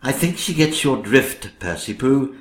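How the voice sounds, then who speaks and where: An actor playing a sharp-tongued, mocking member of a king's household in a theatrical comedy, scornful and teasing. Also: medium pitch, sing-song, unhurried, crowd noise. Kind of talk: theatrical rhyming comic drama. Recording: roomy, echoing sound.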